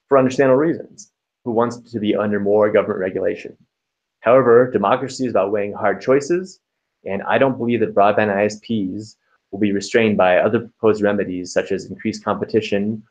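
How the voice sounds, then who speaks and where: A man on a panel, co-founder of a small software company, reading measured, formal prepared remarks. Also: on the low side, low-quality recording.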